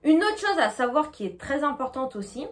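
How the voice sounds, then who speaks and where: Femme à la voix aiguë, professeure patiente. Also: female voice, high voice, big pitch swings, moderate pace. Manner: clear, patient, spells out pronunciation. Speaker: English teacher. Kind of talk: explanatory lesson.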